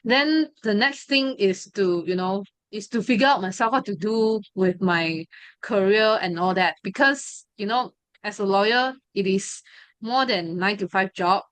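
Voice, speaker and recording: Sharing her story as a personal testimony, a hesitant Malaysian woman in her 20s from a study group fills her speech with fillers and restarts. She speaks a little slowly with a medium pitch, and the sound is clean and dry with no room sound.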